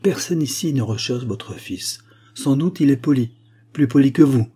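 A man voicing an angry, sharp-tongued spinster who scolds with indignation. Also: medium pitch, moderate pace, slightly rough, close to an everyday voice. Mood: indignant.

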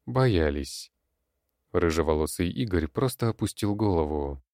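A man with a very low voice narrates an audiobook in a steady, dramatic way. The recording is dry, with no room sound. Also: unhurried, no echo.

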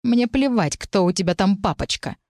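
A woman's voice: medium pitch, animated, normal speed, a little mellow, dry recording, clean studio sound, natural voice. A woman voicing a furious, jealous young male mage who snaps and sneers in a raised, heated tone. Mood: angry, sneering.

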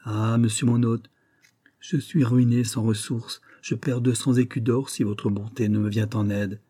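Man voicing a tearful widow innkeeper, pleading, dark husky tone, audiobook. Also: medium pitch, level tone, unhurried, dry recording, studio quality. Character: distressed rich widow innkeeper, woman.

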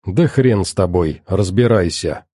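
A man's voice: low-pitched, lively intonation, a little slow, warm tone, slightly rough, no echo, studio quality, heavily acted. Man doing a crude mocking security guard. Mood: irritated. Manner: mocking, coarse. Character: crude callous male security guard, coarse slang.

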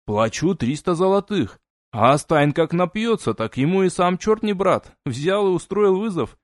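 A man's voice: high voice, lively intonation, measured pace, no room sound, clean studio sound, voice pushed up. A man voicing a drunk young male student gossiping with scorn. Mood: scornful.

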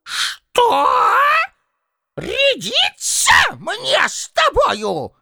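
A man voicing a hot-tempered old tsar who blusters, mocks and shouts threats in a shrill, strained voice. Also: wildly swooping pitch, takes it slowly, creaky, no room sound, clean studio sound, full character voice. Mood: furious.

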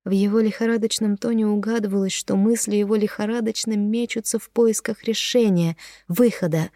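A woman narrating an audiobook in a measured storytelling manner. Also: medium pitch, steady tone, warm tone, no room sound, clean studio sound. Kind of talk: scripted narration.

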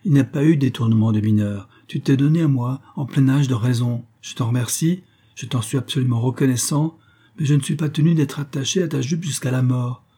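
A man's voice: medium pitch, moderate pace, breathy edge, natural voice. A man reading an audiobook, voicing a brutal, contemptuous young man who answers his mistress curtly and scornfully. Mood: angry, scornful. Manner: curt, scornful, raised and sharp when angry. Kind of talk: audiobook character voice.

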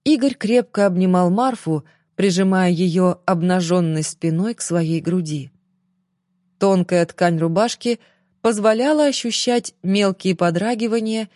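Expressive woman audiobook narrator. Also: lowish voice, no echo, clean studio sound. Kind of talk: scripted narration.

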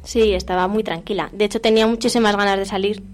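Brief: female radio host, mid-pitched, relaxed chat style, draws others out with questions. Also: fast talker. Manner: prompting, asks guests questions.

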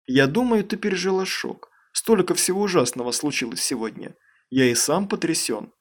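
A man reading an audiobook, voicing a middle-aged father who speaks softly, calmly and firmly. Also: sits high, moderate pace, pitched above the performer's own voice. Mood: soothing. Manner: soft, calm, soothing.

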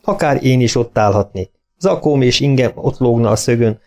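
A male audiobook narrator who reads in a steady, measured way. His voice sits at an ordinary middle pitch. He tells the story at an even pace. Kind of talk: scripted narration.

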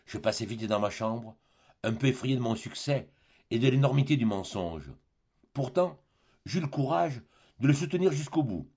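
A man reading a classic story aloud as an audiobook narrator, in a measured, expressive way with a husky voice. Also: fairly low pitch, muffled recording. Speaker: audiobook reader.

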